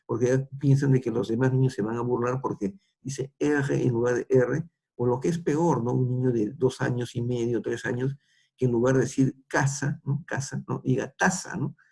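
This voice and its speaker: Peruvian man lecturing, gravelly and husky. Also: mid-range voice, steady tone, normal speed, dark tone. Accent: Peruvian Spanish. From Peru. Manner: frequent tag questions and restarts. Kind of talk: lecture to students.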